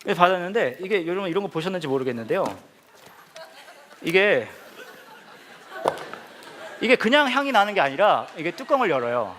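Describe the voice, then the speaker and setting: Male pastor, slightly high voice with swinging pitch; light, joking sermon storytelling. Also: a little fast, pauses often, a little hiss or hum. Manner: joking, self-mocking, lively storyteller. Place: church service before a congregation.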